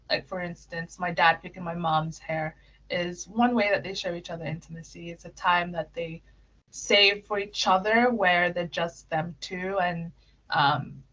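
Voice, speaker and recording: Laughing easily, a young interview guest from Kenya talks through casual answers, full of fillers and false starts. She has a slightly low, somewhat bright voice, captured on a muffled, lo-fi recording.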